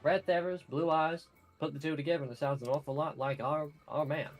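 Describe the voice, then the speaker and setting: A man reading a gruff, folksy adventurer informant's game dialogue aloud in a drawling manner. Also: a little high, steady tone, a little fast, faint music behind, lightly acted, poor audio.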